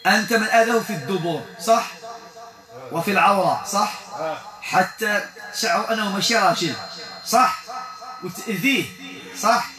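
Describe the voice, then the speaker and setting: Moroccan guy doing an exorcism session, highish voice, keeps tossing in little questions, far off in an echoey room. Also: normal speed, pauses often, over music. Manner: keeps asking short tag questions; murmurs prayers softly. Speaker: Quranic healer. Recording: echoey room, voice from a distance, crowd behind.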